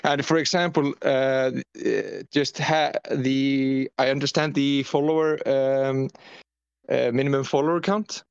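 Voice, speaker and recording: A man from Iceland speaking in a halting way with many pauses, joining a casual online Q&A. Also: medium pitch, fairly even intonation, creaky, smooth, no echo. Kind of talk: casual conversation. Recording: dull, dry lo-fi line.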